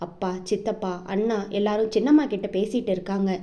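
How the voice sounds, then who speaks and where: A woman's voice: medium pitch, brisk, dark tone, lightly acted. A woman reading the lines of a frightened, tearful young heroine who pleads with her friend, in an audiobook novel. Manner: anxious, pleading.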